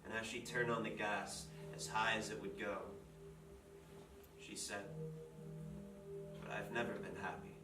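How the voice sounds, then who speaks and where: Guy playing a grim storyteller, steady and deliberate, echoey stage, guitar music behind. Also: lowish voice, recorded from a distance, lightly acted. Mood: somber storytelling. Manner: measured, dark, deliberate storytelling. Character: grim storyteller telling a dark fairy tale. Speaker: actor playing Katurian.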